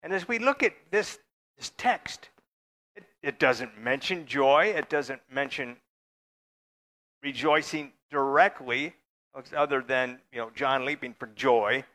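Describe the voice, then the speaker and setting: A man's voice: medium pitch, slow pace, bright, forceful tone. A man preaching a conversational sermon in church, sometimes joking with the congregation. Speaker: pastor.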